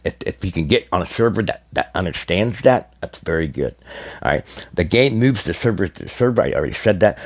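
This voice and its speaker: Deep-voiced man rambling about a game. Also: expressive, fairly quick. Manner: rambling, many restarts and fillers. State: slightly hoarse, losing his voice. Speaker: gaming content creator. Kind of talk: casual explanatory gaming video.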